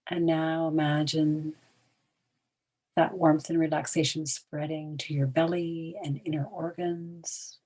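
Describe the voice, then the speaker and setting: A female meditation guide leads a relaxation with a deep, breathy voice that trails into a whisper. Her soothing, hushed delivery is flat, with long pauses between short phrases, and the recording quality is low.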